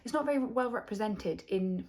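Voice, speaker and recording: A young woman from Wales talks through a book she just finished in a relaxed reading vlog. Her voice sits at an ordinary middle pitch for a woman. She is chatty and reflective, trailing off and picking her thoughts back up. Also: moderate pace. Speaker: book vlogger.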